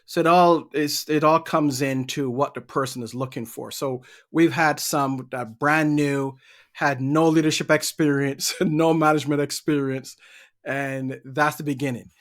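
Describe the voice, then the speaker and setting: A man's voice: on the high side, fairly even intonation, a little slow. A middle-aged man from Barbados, a leadership trainer answering interview questions in an easygoing way and often repeating words while he thinks.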